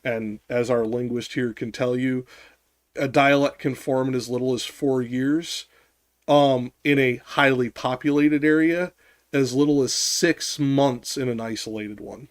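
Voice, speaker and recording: A man hosts a casual live stream, his voice sitting at a middling pitch. He rambles along, stacking ums, likes and false starts, with the occasional curse dropped in. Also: steady tone, measured pace, no echo. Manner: rambling, heavy fillers and restarts, swears. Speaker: streamer host.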